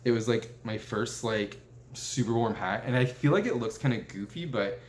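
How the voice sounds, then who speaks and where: A young man in his twenties rambles through a casual show-and-tell, full of "like" fillers and mid-sentence restarts. His voice sits at an ordinary middle pitch and carries a noticeable room echo. A faint ambient hum runs underneath. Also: expressive, normal speed. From United States. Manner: chatty, rambling, lots of "like" fillers and self-corrections. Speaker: vlogger. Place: indoors at a table in a room.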